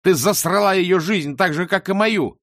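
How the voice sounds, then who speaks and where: A man voicing a bitter, scheming young woman singer who snaps, shouts and mocks in a storybook reading. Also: mid-range voice, animated, a little fast, no room sound, clean studio sound, natural voice. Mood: furious. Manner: snapping, shouting, mocking.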